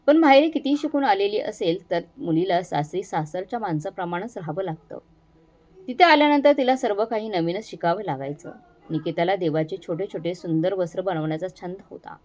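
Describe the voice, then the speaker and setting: A woman storyteller narrating a moral family story in a steady, earnest reading. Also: fairly low pitch.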